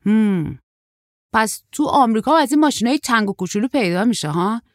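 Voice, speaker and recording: A woman's voice: a little high, expressive, no room sound, clean studio sound, pitched above the performer's own voice, lightly acted. A woman voicing a tall, lanky young male surfer who is shy but blunt and naive. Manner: naive, chatty, raised youthful delivery.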